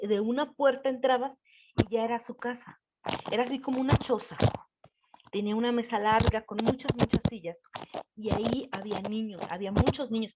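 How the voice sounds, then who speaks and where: A woman's voice: medium pitch, very noisy. A woman telling a personal story in a casual, hesitant way, with many fillers.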